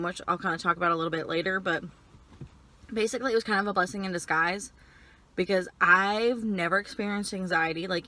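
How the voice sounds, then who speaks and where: A young woman telling personal stories casually while eating and chewing, in halting phrases peppered with "like". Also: mid-range voice, pushed and bright, slight background noise. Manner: frequent filler "like", halting stop-and-start phrasing. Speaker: vlogger. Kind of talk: casual personal storytelling chat.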